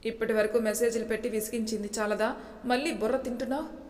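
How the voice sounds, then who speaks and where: A woman voicing a moody young husband with a curt, gruff manner, in a storybook reading. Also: fairly high pitch, fairly even intonation, fast talker, a little mellow, close to an everyday voice. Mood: irritable. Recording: echoey room with long reverb.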